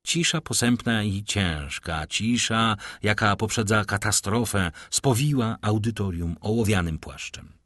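A man narrating an audiobook in a measured, dramatic storytelling manner. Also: on the low side, fairly bright tone, no room sound, studio quality.

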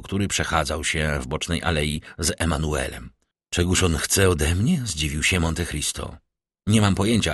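A man narrating a classic novel as an audiobook, lifting his pitch for the characters' lines. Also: no room sound, studio quality.

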